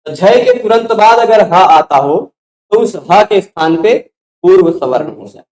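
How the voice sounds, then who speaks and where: A middle-aged man lectures on grammar in a high voice. He works through each point step by step and keeps checking in with his listeners. The room is echoey. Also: lively intonation, unhurried, a little mellow. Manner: explains step by step, checks in with "ठीक है" and "है ना". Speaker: Sanskrit grammar teacher.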